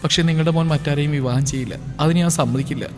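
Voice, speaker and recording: Man reading a sad young wife part, quiet and pleading, his own voice, roomy echo and soft music. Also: fairly high pitch, quick pace, lightly acted. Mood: regretful. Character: young wife, guilt-ridden and tearful. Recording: reverberant with faint music.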